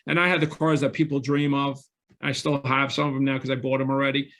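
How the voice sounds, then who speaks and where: He's a middle-aged real estate investor appearing as a guest on an interview show, telling his own story earnestly and candidly. His mid-range voice holds a level tone, moves quickly, and sounds a bit bright, and he often restarts and corrects himself mid-sentence.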